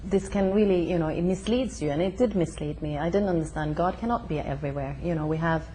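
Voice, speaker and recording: A young woman from Sweden, interviewed in her home, speaking hesitantly with many fillers and pauses. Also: fairly low pitch, mellow, slight background noise, rough recording. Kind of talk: casual conversation.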